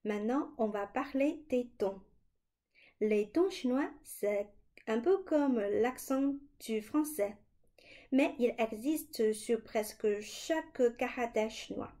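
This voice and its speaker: A woman teaching children a language lesson, slowly and clearly demonstrating sounds. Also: fairly high pitch, mellow.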